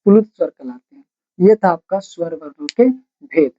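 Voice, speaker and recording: A grammar teacher dictating notes slowly, repeating phrases word by word and asking questions before answering them. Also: medium pitch. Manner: slow, repetitive dictation, breaking sentences into single words. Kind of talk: blackboard-style grammar lesson, dictating notes. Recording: dull lo-fi recording.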